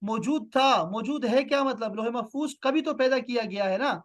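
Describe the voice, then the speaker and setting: A man from Pakistan teaching an online class in a questioning, repetitive manner. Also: very high voice. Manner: questioning, repeats "theek hai" and "na".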